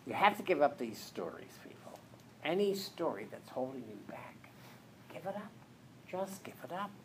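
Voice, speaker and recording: A man preaching an inspirational sermon as a spiritual teacher, slow and emphatic, repeating phrases and often dropping to a whisper. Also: fairly high pitch, sing-song, a little hiss or hum, poor audio.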